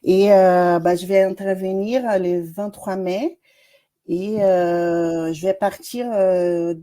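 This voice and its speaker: A woman's voice: lowish voice, fairly even intonation, takes it slowly, mellow. A woman from Brazil, a doctoral student with a Brazilian accent and Portuguese as her first language, presenting her research in a webinar over a video call, hesitant with many fillers.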